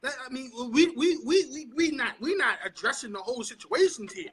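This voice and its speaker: An impassioned preacher man leads a Bible study chat. His voice sits very high and bright, with a forceful edge. He preaches and vents his frustration as he goes. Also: animated, fairly quick, breathy edge. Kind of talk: passionate Bible study discussion.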